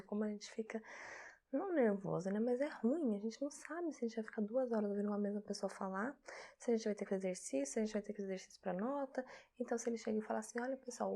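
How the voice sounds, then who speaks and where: A woman's voice: medium pitch, warm tone. A woman, teaching a grammar lesson in a chatty, conversational way full of rhetorical questions.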